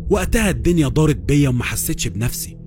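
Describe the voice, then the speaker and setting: A man's voice: a little high, very animated, racing. A man with an Egyptian accent narrating a first-person horror story in a tense, dramatic way. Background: faint music.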